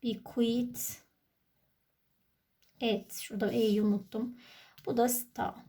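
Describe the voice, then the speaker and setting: A woman's voice: fairly high pitch, level tone, moderate pace, dark tone. A woman teacher with a Turkish accent, walking through an exam step by step and answering her own questions. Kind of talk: exam walkthrough lesson.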